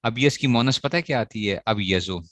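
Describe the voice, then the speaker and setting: A man's voice: medium pitch, normal speed, a bit bright, no echo. A man teaching a grammar lesson to students, asking questions and answering them himself as he repeats the key points. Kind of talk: classroom lecture on Arabic grammar.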